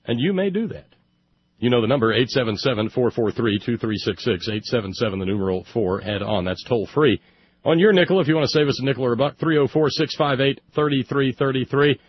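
The solo host of a political call-in radio program, this man speaks with a medium pitch and lively intonation. His tone is sardonic and mock-exasperated, and his delivery is loose, emphatic and halting. Dull lo-fi radio audio carries slight background noise.

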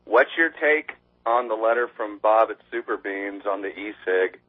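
A man's voice: lowish voice, normal speed. A man calling in to a radio show over the phone, chatting in a loose, rambling way and swearing casually. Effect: heard over the phone line. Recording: tinny phone line.

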